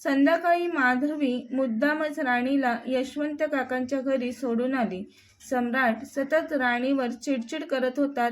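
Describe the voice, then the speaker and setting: A woman narrating a romantic story in a steady, plain reading voice. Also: sits high, a little hiss or hum.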